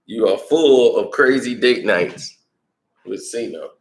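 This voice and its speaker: A man vlogging, telling a casual, slangy anecdote in an animated way, in a roomy, echoey room. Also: fairly low pitch, slow. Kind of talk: casual storytelling.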